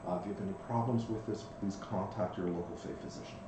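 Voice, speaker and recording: A man's voice: fairly low pitch, steady tone, fast talker, voice pushed down, lightly acted. A man voicing a matter-of-fact female checkpoint medic giving procedural instructions in a tabletop game. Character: businesslike female checkpoint medic dispensing fey remedies. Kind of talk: in-character tabletop game role-play. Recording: very echoey room, faint noise.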